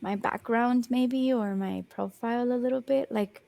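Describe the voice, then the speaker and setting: On a video call, a young Australian woman tutors English one-on-one, her voice on the high side, gravelly and dark, with fairly even intonation. Slowing down to rephrase, she remains patient and encouraging while using many ums.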